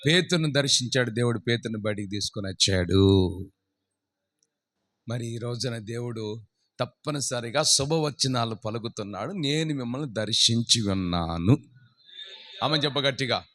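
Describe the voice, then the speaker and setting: A man preaching a fervent sermon as pastor, swinging between loud shouted exhortation and low storytelling, urging the congregation to say amen aloud. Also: normal speed.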